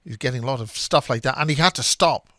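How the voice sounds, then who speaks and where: A man interviews a guest, cutting in often. He stumbles and repeats words as he works toward his point. His pitch sits in the middle range for a man. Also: fast, bright, forceful tone. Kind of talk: conversational interview.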